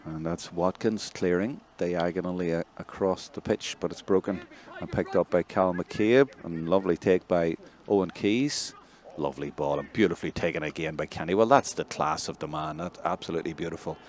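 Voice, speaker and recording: A man with a Northern Irish accent giving live play-by-play commentary, chatty between plays and excitable when a score comes. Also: deep voice, normal speed, few pauses. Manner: conversational, excitable on big plays. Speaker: match commentator.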